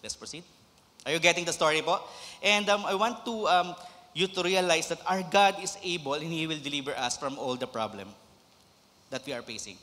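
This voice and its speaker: A man's voice: a little high, normal speed, bright, forceful tone. A young man preaching a sermon in a church, switching between Tagalog and English and prompting the congregation for amens. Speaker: lay preacher. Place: church sanctuary. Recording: long hall reverb.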